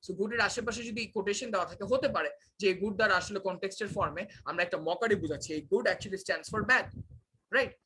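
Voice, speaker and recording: A man's voice: sits high, fairly quick, pushed and bright, breathy edge, rough recording. A young man teaching a live online class, switching between Bangla and English with frequent filler sounds.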